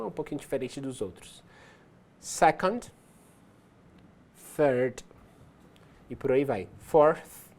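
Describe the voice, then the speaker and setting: A man's voice: medium pitch, a little mellow. A man with a Brazilian Portuguese accent teaching an English lesson for distance learning. He explains step by step, repeats each English word and keeps checking in with "ok?".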